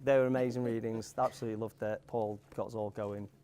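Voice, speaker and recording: A man's voice: fairly low pitch, steady tone, fast talker. A young man with a Manx accent giving an informal wedding speech as the groom, in a joking, rambling, hesitant manner. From Isle of Man. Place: wedding venue. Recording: live event room with guests audible. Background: wedding crowd.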